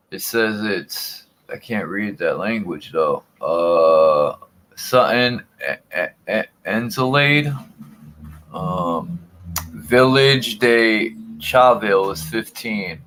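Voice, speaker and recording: Slow, rambling man hosting a livestream. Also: on the low side, a bit bright, slight background noise. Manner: slow, rambling, swears casually. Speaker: livestream host. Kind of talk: casual livestream chat.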